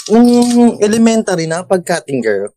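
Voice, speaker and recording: Man in lively casual chat. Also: high voice, moderate pace. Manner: playful, jumps into loud mock voices when quoting.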